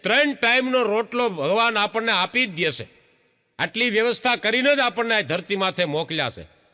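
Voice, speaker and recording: Lively high-voiced comic storyteller. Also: male voice, moderate pace. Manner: lively storyteller acting out jokes, laughs often. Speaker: stand-up comedian. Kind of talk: Gujarati folk stand-up joke telling.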